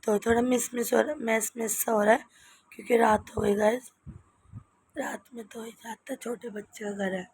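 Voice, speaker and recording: A woman chatting casually in a home vlog, hoarse from a cold and tired late at night, in her home kitchen. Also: a little high, fairly even intonation, moderate pace, a little mellow. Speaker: vlogger.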